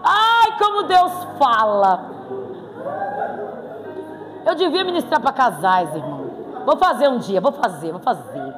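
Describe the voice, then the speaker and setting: Brazilian woman preacher, high voice, lively and joking, church reverb with soft music under. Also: unhurried, pauses often, some chatter behind. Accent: Brazilian Portuguese. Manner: playful, animated, bursts into exclamations. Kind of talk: sermon. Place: church hall. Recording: reverberant hall with faint music.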